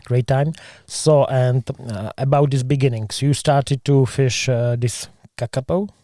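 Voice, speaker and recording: A man whose first language is Czech hosts a casual interview in halting English, with many pauses and fillers. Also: mid-range voice, steady tone, mellow, dry recording, studio quality. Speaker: podcast host.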